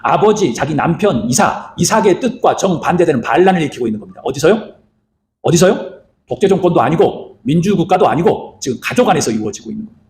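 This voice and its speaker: Fast animated guy preaching a sermon, kinda high voice, echoey room. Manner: animated, rhetorical questions, acts out quoted lines. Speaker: pastor. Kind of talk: sermon retelling scripture.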